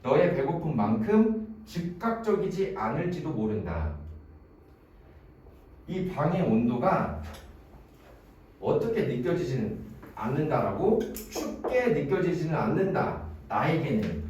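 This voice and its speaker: A man's voice: fairly high pitch, big pitch swings, measured pace, darkish tone. A man teaching an exam-prep English grammar lecture in a classroom, quizzing students by name and using playful memory tricks. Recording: very echoey room, voice from a distance, faint noise.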